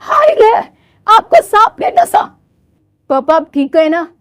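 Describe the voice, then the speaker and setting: A woman's voice: high-pitched, animated, slow pace, a little mellow, no room sound, studio quality. A woman voicing a sweetly scheming young snake-woman bride in a comic story. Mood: wailing.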